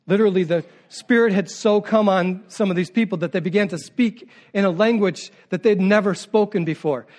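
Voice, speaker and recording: High-voiced man preaching conversationally. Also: darkish tone. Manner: conversational storytelling with casual asides. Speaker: pastor. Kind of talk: sermon.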